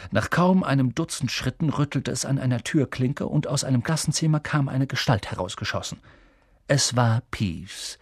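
Ein Mann liest ein Jugendbuch lebendig und ausdrucksvoll als Hörbuch vor. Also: male voice, medium pitch, moderate pace, breathy edge, no room sound, studio quality. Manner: expressive, animated reading. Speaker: audiobook reader. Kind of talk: lively scripted narration.

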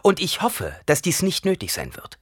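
A man voicing a proud, commanding noblewoman in an audiobook reading, sharp and imperious. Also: fairly high pitch, wildly swooping pitch, normal speed, breathy edge, no echo, studio quality, pitched above the performer's own voice, heavily acted.

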